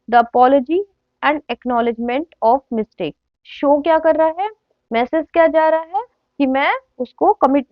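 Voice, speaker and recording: A woman teacher with a high-pitched voice explains her lesson, mixing Hindi with slow, carefully spoken English phrases. She keeps checking that her students are following along. The recording sounds dry and somewhat dull, like a lo-fi lecture capture. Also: no echo. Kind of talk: classroom lecture explaining communication skills.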